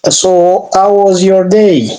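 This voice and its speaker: A man's voice: sits high, steady tone, slow pace, mellow, clear, resonant tone, low-quality recording. A man from Congo with a Congolese accent, speaking hesitantly and politely in a casual practice conversation. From Congo, Central Africa. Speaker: English conversation practice partner.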